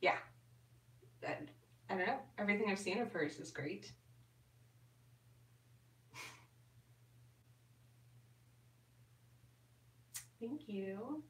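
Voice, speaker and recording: A woman's voice: mid-range voice, expressive, very slow, long pauses, a bit bright. A woman chatting casually on a live stream as an ASMR host, reading and answering viewer comments with fillers. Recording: roomy and distant from the mic.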